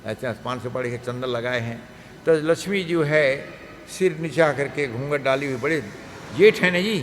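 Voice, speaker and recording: A man in his seventies, a monk giving a scripture class, tells a devotional story in a lively way and acts out the characters' voices. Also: medium pitch, moderate pace. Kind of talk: storytelling sermon. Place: temple hall. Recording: reverberant hall with faint background noise.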